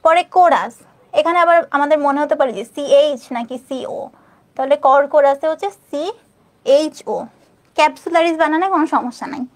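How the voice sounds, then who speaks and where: A young woman teaches an online exam-prep biology class in a high, light voice. She breaks scientific names into syllables, spells them letter by letter and repeats them patiently. She keeps asking her students if they are following. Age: young adult. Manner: spells out names slowly and repeats them, often checking with "okay?".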